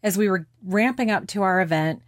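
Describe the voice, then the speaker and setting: A woman's voice: mid-range voice, a little fast, no room sound, clean studio sound. A woman hosting a faith podcast, chatting casually and affirming her guest, laughing easily. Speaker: podcast host.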